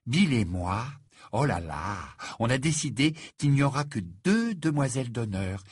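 A man voicing a vain, dreamy young bride who talks in an affected, drawn-out way. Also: medium pitch, husky, no echo, studio quality, voice pushed up.

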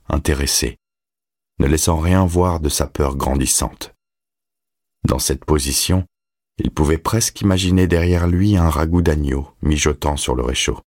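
Un homme qui lit un roman en livre audio, d'un ton posé et régulier. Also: male voice, rumbling low, no echo, clean studio sound. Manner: steady, measured storytelling. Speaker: narrator. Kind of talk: audiobook reading.

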